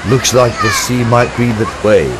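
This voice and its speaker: A man's voice: mid-range voice, steady tone, moderate pace, heavy background noise. An older man, narrating his travel video in a chatty, wry, self-deprecating way.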